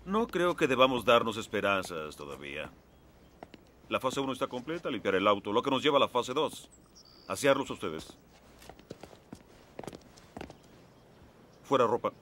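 Commanding middle-aged fixer, swooping pitch. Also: male voice, very animated, fairly quick, fairly bright tone. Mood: brisk, commanding. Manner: authoritative, clipped, dryly sardonic. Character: brisk, commanding middle-aged male underworld fixer in a tuxedo. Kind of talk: dubbed film dialogue in Spanish. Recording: film soundtrack with faint background noise.

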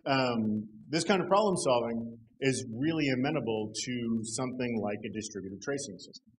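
A middle-aged man presenting a technical talk at a conference, relaxed and conversational, with dry humor and frequent "um"s. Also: mid-range voice, normal speed, a little hiss or hum, rough recording. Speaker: conference speaker. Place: conference hall.

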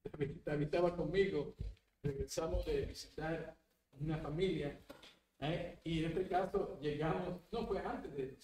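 Male pastor, fairly high voice, lively Bible-study teaching, echoey hall, mic at a distance. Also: unhurried, slight background noise. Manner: animated, mixes English words into Spanish, tag questions. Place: church.

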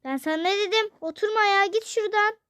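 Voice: high voice, normal speed, a bit bright, dry recording, studio quality. A child voicing a rude, grumpy father who barks orders in a toy role-play. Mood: bossy. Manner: gruff, barking orders.

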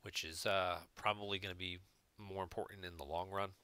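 A man's voice: low-pitched, fairly even intonation, brisk, bright, forceful tone, clear, resonant tone. A man commentating on a recorded card game match, explaining each play step by step from home. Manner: analytical, explains plays step by step. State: hiccups. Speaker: game reviewer. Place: home room.

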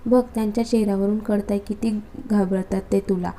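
A woman's voice: mid-range voice, flat delivery, fairly quick, slight background noise, close to an everyday voice. A woman voicing a spirited, teasing and stubborn young wife in a spoken story. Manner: teasing, sometimes shouting back.

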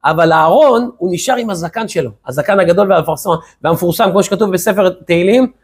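Husky high-voiced rabbi teaching. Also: male voice. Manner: lively storyteller asking rhetorical questions. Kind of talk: weekly Torah lesson.

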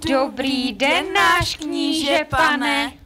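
A woman playing a vain, mocking young sister in a rhymed puppet play, with a squeaky puppet voice. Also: bright, forceful tone. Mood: coquettish.

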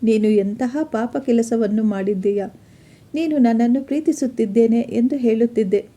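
A woman's voice: on the high side, normal speed, dark tone, lightly acted. A woman voicing a betrayed young student, pleading and accusing.

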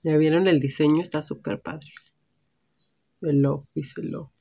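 A beauty vlogger with a Mexican Spanish accent speaks a little slowly in a low, steady, warm voice that's creaky and husky. She's indoors at home in natural light, casually trying on lipsticks and thinking out loud.

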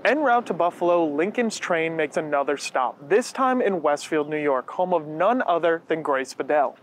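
A man hosting a museum history program, giving scripted narration in a clear, measured presenter's delivery. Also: fairly high pitch, lively intonation.

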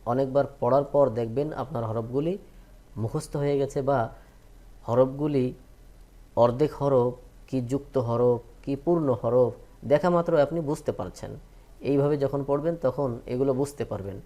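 A man teaching Quran reading, drilling letter names slowly between plain advice to learners. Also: mid-range voice, dark tone. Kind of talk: slow recitation lesson.

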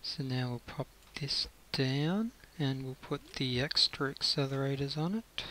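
Thinking aloud as he constructs something in-game, the creator keeps up a casual, muttered commentary. His mid-range delivery is a little slow, pushed and bright, and the recording carries faint hiss and clicking.

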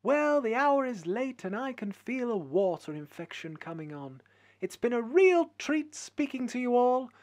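A woman's voice: on the high side, big pitch swings, unhurried, darkish tone. Arch, gossipy woman presenter. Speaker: comedy show presenter. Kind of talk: scripted comic links.

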